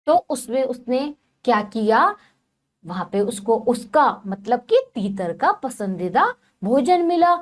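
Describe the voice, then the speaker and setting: A woman teacher reading a story aloud to children, retelling each passage and asking them questions. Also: sits high.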